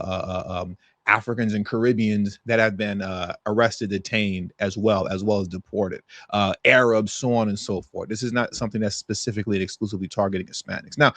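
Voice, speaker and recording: A man with a lowish voice hosts an opinion commentary on news clips, with no room sound. He is emphatic, repeating his points and acting out quotes.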